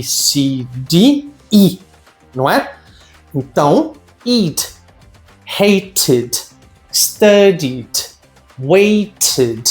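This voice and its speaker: A man teaches English grammar in a lively, explanatory way, posing questions and then answering them. His voice rings out in an echoey room, with faint music playing underneath. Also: on the high side. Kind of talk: recorded grammar lesson.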